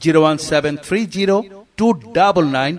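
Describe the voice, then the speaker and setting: Bangladeshi guy voice actor doing a shop promo announcement, fairly high voice, keen and agreeable. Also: fast talker, over music, lightly acted. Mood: promotional. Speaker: advertisement voice artist.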